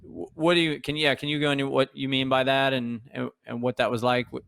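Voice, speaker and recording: A man co-hosting a podcast, asking the guest questions in a halting way with frequent restarts. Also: mid-range voice, flat delivery, vocal fry, a bit bright, clear, resonant tone, dry recording, clean studio sound. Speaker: podcast co-host. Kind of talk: interview questions.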